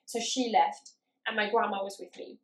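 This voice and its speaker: A woman in her twenties telling a story in a casual chat, lively and acting out the voices of people she quotes. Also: mid-range voice, moderate pace. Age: 20s. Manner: animated, acts out quoted voices. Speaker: podcast co-host. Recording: echoey room.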